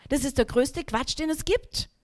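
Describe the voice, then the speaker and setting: A woman in her thirties giving a personal testimony in a sermon, telling her story in a lively way, acting out her own thoughts and talking straight to the listeners. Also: high-pitched, moderate pace. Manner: direct, addresses the listeners.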